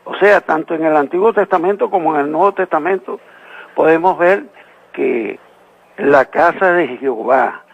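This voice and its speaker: On a muffled, dull phone line to a live radio show, a Venezuelan caller earnestly works through scripture verse by verse as he poses a Bible question. His voice sits on the high side, creaky and husky, at a moderate pace.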